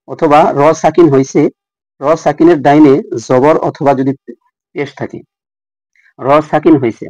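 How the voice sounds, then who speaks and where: A man's voice: mid-range voice, a little mellow, no room sound. Guy doing a tajweed lesson, says each letter over and over, dry dull-ish sound. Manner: repeats each letter sound slowly and deliberately; addresses viewers directly. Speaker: Quran recitation teacher.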